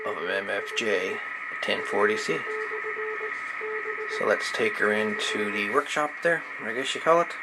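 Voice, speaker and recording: On a very noisy recording, a man with a lowish voice talks a little slowly as he opens up a radio gadget at a repair bench. He's a laid-back hobbyist reviewer doing a casual teardown, muttering side comments as he thinks aloud.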